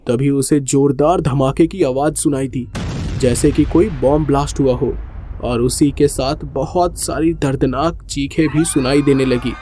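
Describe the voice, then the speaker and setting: A man narrating a horror story in a steady, suspenseful way. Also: medium pitch, a little slow, slight background noise.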